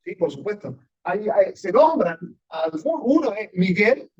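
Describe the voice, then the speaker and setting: Speaking at a measured pace, this pastor has a high-pitched, darkish, slightly rough voice with big pitch swings. He teaches the Bible sermon-style in a church meeting room, emphatic and frequently questioning his audience, his voice rising and falling sharply. It's a dull, lo-fi church recording.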